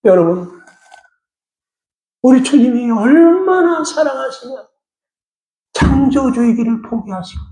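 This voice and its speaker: A man's voice: extremely high pitch, darkish tone. A middle-aged male pastor preaching a sermon emphatically and often putting rhetorical questions to the congregation. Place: church sanctuary. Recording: echoey church hall.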